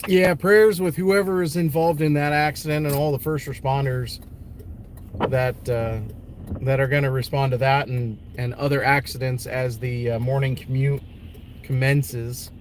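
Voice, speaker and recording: A man's voice: medium pitch, steady tone, a little slow. A man giving casual live commentary as a storm chaser from inside a car, talking conversationally with hesitant phrasing. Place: in a car on the road. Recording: noisy vehicle interior, road noise.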